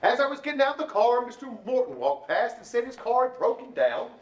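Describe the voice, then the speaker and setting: A man's voice: very high-pitched, very animated, fairly quick, reverberant, recorded from a distance, dull audio. An actor playing a cheerful, forgetful male pastor talking with his wife. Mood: jovial. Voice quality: apologetic, jovial. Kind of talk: radio drama acting.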